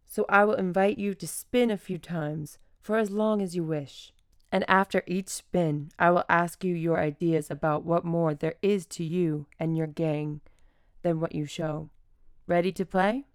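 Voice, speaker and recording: A woman voicing a kind, motherly female circus elephant who speaks gently and encouragingly. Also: lowish voice, steady tone, measured pace, smooth, no room sound, clean studio sound, close to an everyday voice.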